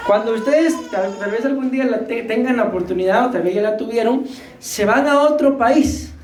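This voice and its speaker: A woman's voice: on the high side, moderate pace, a little mellow, roomy sound, slight background noise. A woman preaching a sermon to her congregation, firing rhetorical questions at them and calling for amens. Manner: calls for amens.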